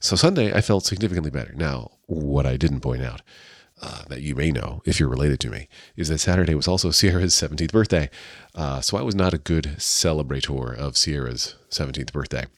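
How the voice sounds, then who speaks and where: Hoarse, very deep-voiced man talking. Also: expressive, brisk, dry recording, clean studio sound. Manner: chatty, self-deprecating, with frequent asides. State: hoarse sick voice. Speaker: host of a daily personal show. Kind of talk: casual storytelling monologue.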